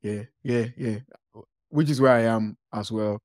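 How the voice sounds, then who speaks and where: A man's voice: fairly low pitch, a little slow, darkish tone, no room sound, clean studio sound. A man hosting a podcast, upbeat and casual, with filler words as he asks questions. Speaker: podcast host. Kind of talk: casual interview talk.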